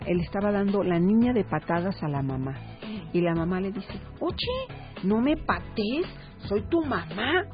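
A woman, a parenting expert speaking as a guest on a radio talk show, explaining calmly and acting out parents and children. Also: mid-range voice. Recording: slightly dull radio broadcast sound.

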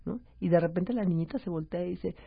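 A woman's voice: on the low side, fast, gravelly, husky, no echo. A woman hosting a radio talk show, conversational and encouraging, telling anecdotes and steering the talk. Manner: conversational, encouraging, brief affirmations. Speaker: radio host. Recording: slightly dull radio broadcast sound.

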